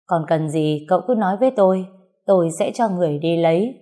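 A woman voicing a greedy, suspicious older male gang boss who gives orders in a gruff way, in a storybook reading. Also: on the low side, expressive, brisk, mellow. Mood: commanding.

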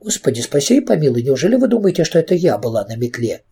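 Stern storybook governess witch, indignant and fussy, mellow husky tone, read by a man. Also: on the high side, big pitch swings, quick pace, full character voice. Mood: flustered. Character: stern prim middle-aged governess witch.

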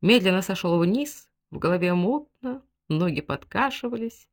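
A woman reading a novel aloud as audiobook narrator, with expressive, dramatic delivery. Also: fairly low pitch, moderate pace. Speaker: audiobook reader. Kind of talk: scripted literary narration.

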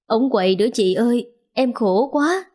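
A woman's voice: on the high side, expressive, normal speed, a little mellow. A woman voicing a tearful younger sister who pleads through sobs. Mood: tearful pleading. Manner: sobbing, pleading. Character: tearful younger sister fleeing drunk husband.

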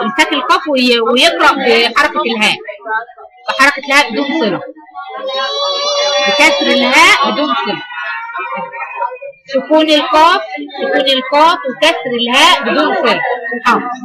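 A woman's voice: high-pitched, rough recording. A woman with an Egyptian accent teaching recitation variants, asking students questions and repeating their answers. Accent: Egyptian Arabic.

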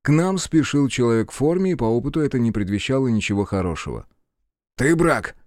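A man's voice: mid-range voice, animated, quick pace, darkish tone, no room sound. A man narrating an audiobook in the first person, with a dry, sardonic delivery.

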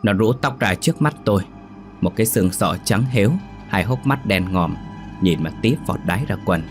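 Deep-voiced male horror storyteller. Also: expressive, normal speed. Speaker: narrator. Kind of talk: first-person horror story narration. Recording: faint background music.

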